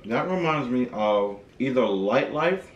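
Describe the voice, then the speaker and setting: A man talking while chewing as he co-hosts a casual food taste test, giving blunt, relaxed verdicts. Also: medium pitch, measured pace, far from the mic, muffled recording. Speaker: co-host of a food review channel. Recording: echoey room.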